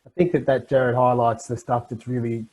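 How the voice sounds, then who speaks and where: Over a video call, a middle-aged man presents a webinar to teachers, explaining things animatedly. His voice sits in the mid-range, his pace is moderate, and the recording's highs are cut off.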